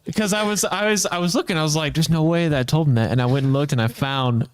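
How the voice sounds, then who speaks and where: Teasing man with a smooth voice. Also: fairly high pitch. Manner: dry teasing, quick asides. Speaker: podcast co-host. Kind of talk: casual chat among friends.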